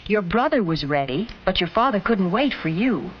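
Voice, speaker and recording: A woman reads scripted narration for a 1950s educational film, speaking straight to the listener in an admonishing way. Her mid-range voice is very animated and moves at a normal speed, with slight background noise. The soundtrack is dull and vintage, with film score music behind her.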